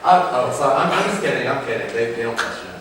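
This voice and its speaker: A young man performing a stand-up comedy set in a university auditorium, with a deadpan mock-lecturing delivery. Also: medium pitch, fast, over a noisy crowd, heavy background noise. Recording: echoey auditorium from far off. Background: audience laughter.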